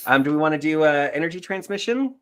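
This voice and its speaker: A man with a bright, forward voice leads a guided meditation on a live show. He speaks calmly and gently, telling listeners to close their eyes and open up to receive. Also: on the high side, fast, clean tone. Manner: calm, gently instructive. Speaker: co-host and energy healer.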